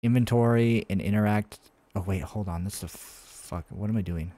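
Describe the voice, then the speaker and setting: At a moderate pace, a man with a warm, lowish voice and a dry recording streams his game development. He answers chat messages between coding steps, thinking aloud in a rambling way full of fillers and restarts.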